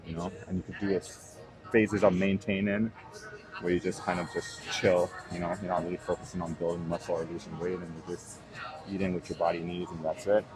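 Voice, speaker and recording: Recorded at low quality, a man in his thirties with a low-pitched voice talks casually for his fitness vlog inside a gym. His easygoing, rambling chat is packed with fillers.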